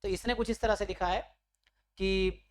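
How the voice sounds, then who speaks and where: A male statistics teacher gives an online exam-prep lecture. He talks his students through each step and keeps checking that they are following. When he reads a formal definition, he slows to a careful word-by-word pace. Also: sits high, fairly even intonation. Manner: explains step by step, often checks understanding with tag questions.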